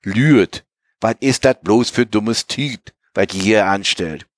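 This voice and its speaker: A man voicing a stern, indignant middle-aged merchant consul who scolds gruffly in a Low German accent. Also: sing-song, a little slow, no room sound. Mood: scolding.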